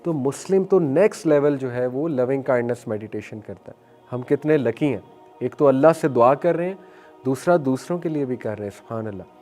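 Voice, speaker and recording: A man giving an earnest motivational religious talk, mixing English phrases into his speech and slowing down to recite phrases. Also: medium pitch, animated, mellow, faint music behind. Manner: earnest, mixes English phrases into Hindi-Urdu, slows to recite phrases. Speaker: Islamic speaker.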